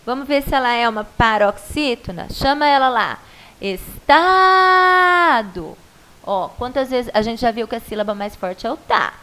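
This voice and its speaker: A woman's voice: fairly high pitch, a little fast, few pauses, smooth, low-quality recording. A Brazilian woman primary school teacher giving a patient, coaxing video lesson to a child, stretching out syllables to show stress.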